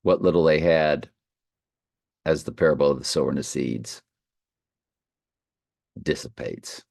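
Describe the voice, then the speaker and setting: His voice rumbles low and a little mellow, with a creaky edge and a measured pace. He's an online Bible study host leading an informal session, reading and commenting spontaneously while slurring a bit from a dentist-numbed half of his mouth. The sound is clean studio audio without any echo.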